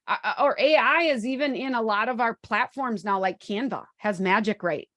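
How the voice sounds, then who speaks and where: A woman's voice: medium pitch, a bit bright, no room sound, studio quality. Upbeat chatty woman in her forties. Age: 40s. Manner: upbeat, chatty, many fillers. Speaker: webinar presenter. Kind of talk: live webinar presentation.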